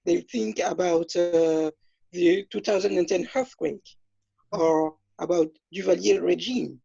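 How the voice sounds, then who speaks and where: Man, twenties, from France, hesitant speech, fillers, husky, lo-fi dull audio. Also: high-pitched, a little slow, mellow, dry recording. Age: 20s. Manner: hesitant, many fillers and restarts. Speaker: interview guest. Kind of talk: self-introduction in an interview. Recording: dull, lo-fi dry sound.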